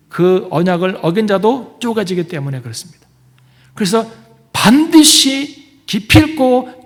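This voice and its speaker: A man preaching a sermon as pastor, emphatic, questioning his congregation and dropping to hushed whispers for effect. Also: sits high, long reverb tail. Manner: emphatic, swings from loud declarations to hushed whispers; asks the congregation questions, tells family stories. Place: church.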